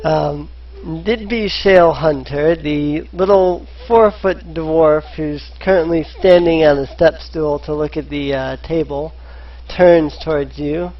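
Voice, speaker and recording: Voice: mid-range voice, takes it slowly. A dungeon master narrating a tabletop game, hesitant and full of filler sounds, in a dull lo-fi recording.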